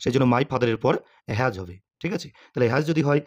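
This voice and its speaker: A man's voice: mid-range voice, moderate pace, a little mellow. A man teaching English grammar to students, asking questions and answering them himself, with frequent "okay?" check-ins.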